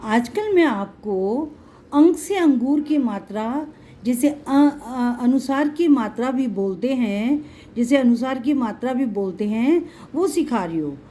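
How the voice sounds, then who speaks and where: A high-pitched woman gives a patient Hindi lesson to children. She stretches out her words as she explains each letter and warmly calls her pupils "beta". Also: lively intonation, slight background noise. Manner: patient, drawn-out explaining, addresses students as beta. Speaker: Hindi teacher.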